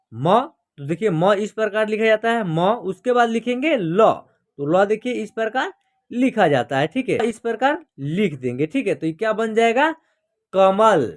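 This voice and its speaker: A man teaching Hindi reading and writing in a slow, patient classroom manner, repeating each letter and asking questions. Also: sits high.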